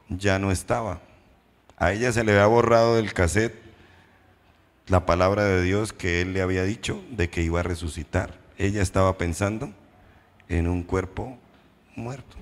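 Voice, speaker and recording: A man preaching a sermon as pastor, posing questions to the congregation and slowing down for emphatic repetitions. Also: lowish voice. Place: church hall. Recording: reverberant church hall.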